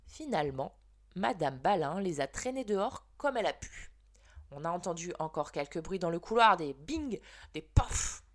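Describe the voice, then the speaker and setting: A woman reading a children's book aloud in an expressive storytelling manner. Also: on the low side, normal speed. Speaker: reader.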